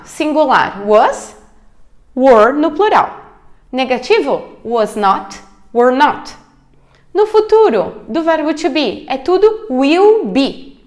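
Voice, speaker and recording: A woman whose first language is Portuguese teaches English grammar on video. Her voice sits high and moves a lot between notes, and she takes her time. She tosses in English check-ins between explanations and draws out the example words. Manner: lively, frequent English check-ins like ok and alright; drawn-out, slowed model pronunciations.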